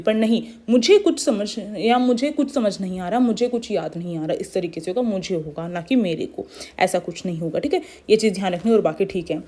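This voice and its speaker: A woman's voice: fairly high pitch, mellow. A young woman teaching a Hindi grammar lesson for exam preparation, explaining step by step and asking questions she then answers.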